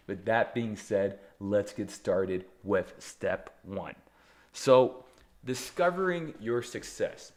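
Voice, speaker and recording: A young man hosting his own podcast, speaking in an energetic, emphatic way with self-deprecating asides in a solo motivational monologue. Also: on the low side. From Taiwan. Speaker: podcast host.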